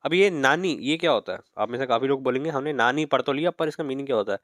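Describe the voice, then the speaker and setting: A man's voice: medium pitch, lively intonation, quick pace, fairly bright tone, no echo, studio quality. A man teaching a beginners' language lesson in a patient, explanatory way, often checking in with "okay". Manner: patient, repeats "ठीक है" and "okay" often. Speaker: Japanese teacher. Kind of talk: classroom lesson in Hindi mixed with English.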